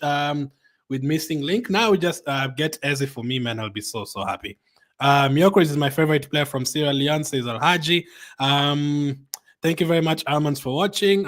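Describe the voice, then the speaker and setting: A man hosting a live stream, reading viewer comments aloud in an excited, chatty way, often adding "um" and "man". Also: mid-range voice. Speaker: fan channel host.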